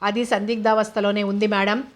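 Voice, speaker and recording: A woman's voice: medium pitch, flat delivery, brisk, lightly acted. A woman voicing a deferential male police officer who answers his superior respectfully in a storybook reading. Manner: respectful, keeps saying "madam".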